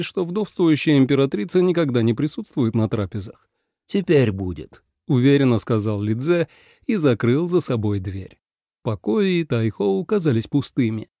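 Mellow, lively male audiobook narrator. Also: medium pitch, no room sound, clean studio sound.

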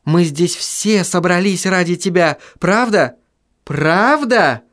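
A man's voice: high voice, takes it slowly, a bit bright, pitched above the performer's own voice. A man voicing a firm, insistent young woman who urges and reassures in a storybook reading. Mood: urgent encouraging. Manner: urgent and insistent.

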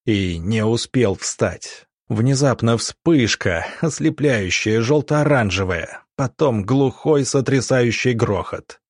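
A man narrating an audiobook with a dramatic, measured delivery. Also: medium pitch, expressive, husky, no room sound, studio quality.

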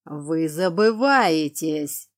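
A stern, tired nobleman, as a woman reader voices him, his voice dropped low and his words slow and clipped. He sounds like a storybook duke used to giving orders. The reading is dry and close. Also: no room sound.

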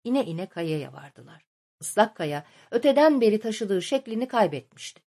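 A woman reading a novel aloud as an audiobook narrator, in a measured, literary storytelling manner. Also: medium pitch, sing-song, warm tone.

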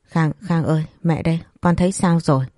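A woman's voice: fairly even intonation, fairly quick, warm tone, no echo, studio quality, lightly acted. A woman voicing a furious, hysterical rich middle-aged mother who scolds and curses. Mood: anxious. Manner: shrill scolding, cursing.

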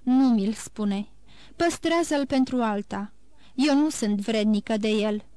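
A woman's voice: a little high, warm tone, clean tone, dry recording, close to an everyday voice. A woman voicing a grieving, guilt-ridden woman near forty who pleads sorrowfully and blames herself, read from an audiobook. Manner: sorrowful, self-reproaching pleading. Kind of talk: audiobook character reading.

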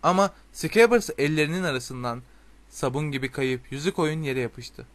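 A man reading a storybook aloud in a steady, expressive way. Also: a little high, moderate pace. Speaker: audiobook narrator. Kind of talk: storybook narration.

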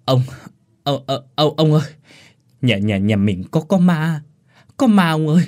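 A man's voice: fairly high pitch, expressive, measured pace, dark tone, voice pushed up. A man voicing a terrified young male servant who stammers and screams in panic in a spoken horror story. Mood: stammering fear.

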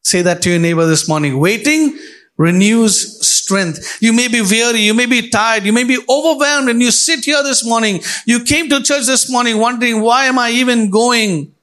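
A man's voice: extremely high pitch, normal speed, a bit bright. A middle-aged male pastor preaching a sermon in church, speaking straight to the congregation with rising and falling emphasis.

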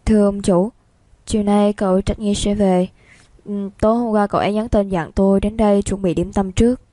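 A timid old housemaid answers her master with nervous deference and halting words, as a woman reads her out. The tone is mellow and dark, recorded dry and near the mic. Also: mid-range voice, steady tone, no echo, lightly acted. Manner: stammering, deferential. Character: older housemaid, timid and flustered.

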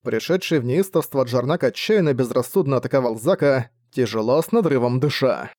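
A man narrating a fantasy audiobook in a steady, lively storytelling manner, close to the mic. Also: medium pitch, fairly quick, dry recording. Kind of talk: scripted narration.

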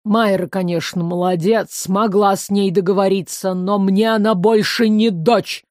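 A woman's voice: mid-range voice, steady tone, unhurried, a little mellow, dry recording, close to an everyday voice. Woman voicing a grumpy fire spirit, male, proud, hot-tempered, sulky, dry close sound. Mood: grumbling. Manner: grumbling, sulky.

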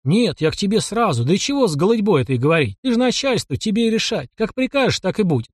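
A man's voice: high-pitched, big pitch swings, fast, dry recording, studio quality, pitched above the performer's own voice. A man voicing a greedy merchant who wails and whines near tears, in an audiobook. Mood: pleading. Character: wailing, whining older male merchant, greedy.

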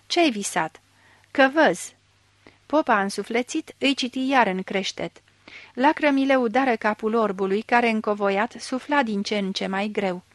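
A woman's voice: fairly high pitch, no room sound. Woman reading a literary story, dry sound. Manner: measured, expressive narration. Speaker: audiobook reader.

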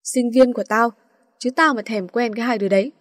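Woman reading as a calm, weary young male teacher. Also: a little high, brisk, dry recording, lightly acted. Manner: calm, dry retorts.

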